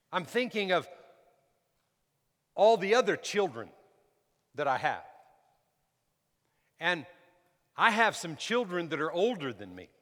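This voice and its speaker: A man in his sixties preaching a sermon, swinging from loud emphatic lines to soft near-whispers and asking for amens. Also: high-pitched. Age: 60s. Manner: repeats words and asks the crowd for amens. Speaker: pastor. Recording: long hall reverb.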